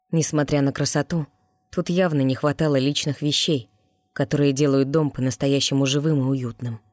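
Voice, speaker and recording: A dry, measured audiobook narrator. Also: mid-range voice, darkish tone, dry recording. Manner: measured, descriptive storytelling.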